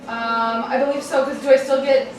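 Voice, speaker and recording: A woman's voice: high voice, steady tone, fairly quick. A woman playing a tabletop game, chatting casually, heard from a distance in an echoey room. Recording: echoey room, distant mic, music behind.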